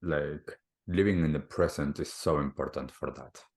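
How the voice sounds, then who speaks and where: A man from Argentina with an extremely low voice, speaking as a wellbeing coach on a podcast. He talks in a thoughtful, unhurried way and leans on "you know, like" as he works through his ideas. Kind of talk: reflective conversational talk.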